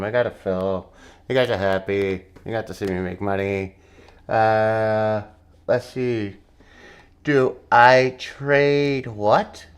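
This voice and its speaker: A man's voice: lowish voice, vocal fry. A man hosting a live day trading stream with casual, rambling commentary, muttering to himself and swearing bluntly. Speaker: day trading livestream host.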